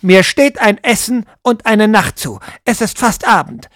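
A man voicing a defiant, starving woman who hisses and shouts her demands. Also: sits high, animated, measured pace, no echo, clean studio sound, voice pushed up. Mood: demanding. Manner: loud, hissing, demanding. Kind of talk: audiobook narration.

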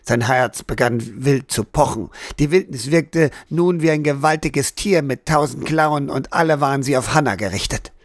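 A man reading an audiobook aloud as narrator, in a steady, even storytelling manner. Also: medium pitch, moderate pace, hardly any pauses, no room sound, studio quality. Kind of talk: scripted narration.

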